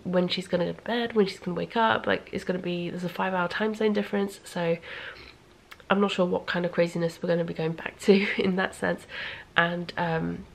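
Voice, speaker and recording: This knitting vlogger has a medium-pitched voice with vocal fry. Clearly stuffed up and sniffling, she rambles through casual talk and sometimes sinks nearly to a whisper.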